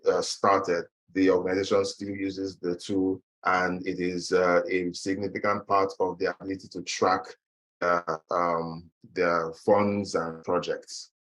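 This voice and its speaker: Low-voiced man presenting with many fillers. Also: little pitch movement, unhurried, a bit bright, rough recording. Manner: hesitant, with frequent fillers and restarts. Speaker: webinar presenter. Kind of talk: online business presentation.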